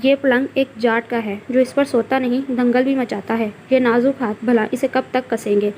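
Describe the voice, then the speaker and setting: A woman's voice: fairly high pitch, steady tone, moderate pace, a little mellow, a little hiss or hum, close to an everyday voice. A woman reading the lines of a brooding, bitter young village man in a read-aloud story. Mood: tender. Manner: bitter, sulky retorts.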